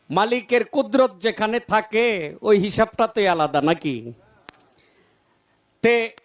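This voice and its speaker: A man preaching a storytelling sermon in a colloquial way, addressing his listeners warmly as "baba" as his voice swings up and down. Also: very high-pitched.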